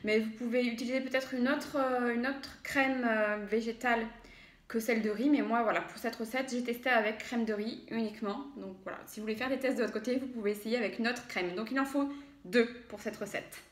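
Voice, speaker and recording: Brisk and steady, a woman with a voice on the high side demonstrates a recipe in an echoey room at home. Her casual cooking tutorial is chatty yet hesitant, packed with fillers and self-corrections.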